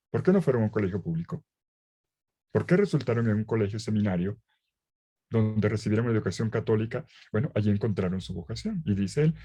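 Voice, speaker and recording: Husky-voiced man teaching. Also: mid-range voice, warm tone. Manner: rhetorical questions and emphatic repetition. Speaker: lecturer on the Gospel. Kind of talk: lively teaching talk. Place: indoor room with a bookcase behind him.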